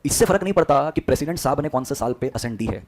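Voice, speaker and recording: A man's voice: medium pitch, lively intonation, racing, a little mellow, a little hiss or hum. A man teaching a class, lecturing and constantly quizzing his students with repeated questions, mixing English terms into Hindi.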